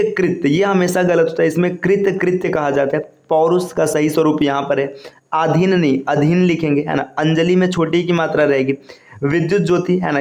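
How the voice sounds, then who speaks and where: A man's voice: a little high, gravelly, darkish tone. A man teaching an exam-prep spelling lesson, explaining each word patiently and often checking in with his listeners. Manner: repetitive, explanatory, frequent tag questions. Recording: echoey room.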